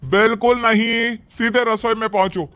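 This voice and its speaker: A man's voice: extremely high pitch, steady tone, moderate pace, bright, forceful tone, smooth. A man voicing a strict, bossy middle-aged mother-in-law who scolds and gives orders in a cartoon. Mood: stern. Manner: scolding, commanding. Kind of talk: cartoon voice acting.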